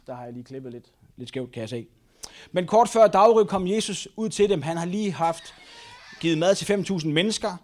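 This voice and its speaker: A man with a fairly high voice delivers a sermon in an engaging storytelling manner. He often repeats phrases and checks in with little tag questions. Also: a little mellow. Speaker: preacher.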